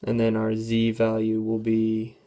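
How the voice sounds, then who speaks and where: A teenage student walks through a statistics problem on a calculator, hesitating with many fillers and clearing a voice that is going hoarse. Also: medium pitch, completely flat delivery, warm tone. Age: teens. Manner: halting, filler-heavy, thinking aloud. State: losing voice, throat clearing. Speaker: student presenter. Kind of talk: classroom walkthrough of a calculator test.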